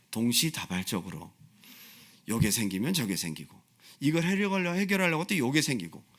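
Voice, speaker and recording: A male pastor preaching a sermon in a church, impassioned and repeating phrases for emphasis, swinging between loud pleading and quiet explanation. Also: mid-range voice. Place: church sanctuary.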